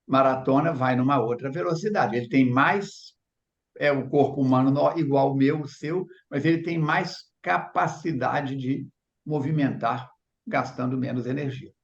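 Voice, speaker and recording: A Brazilian man in a spiritist study group explains ideas through everyday comparisons and playful sound effects. His voice is fairly high for a man, and the recording sounds dull and muffled. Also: moderate pace, reverberant. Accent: Brazilian Portuguese. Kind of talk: spiritist book study discussion.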